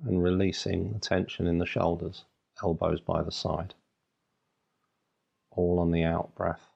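A man leading a guided meditation, giving soothing, unhurried instructions in short phrases with long pauses, on a slightly dull recording. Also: deep voice, level tone, gravelly, darkish tone, slightly rough.

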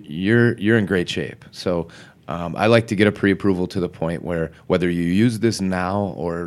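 A man with a deep voice speaks as a guest on a podcast. He explains things in a casual, conversational way, sometimes halting and repeating himself. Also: darkish tone. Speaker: podcast guest, mortgage professional.

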